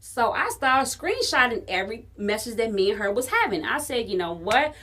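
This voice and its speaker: A woman from Chicago, co-hosting a podcast, telling a story in casual chat, animated and profane and acting out the dialogue. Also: fairly high pitch, moderate pace, slight background noise. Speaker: podcast co-host.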